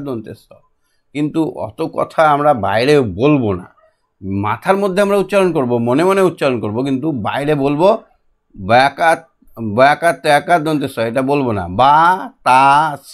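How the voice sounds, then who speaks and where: A middle-aged man teaching a classroom lesson, patiently repeating and drilling syllables slowly. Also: mid-range voice.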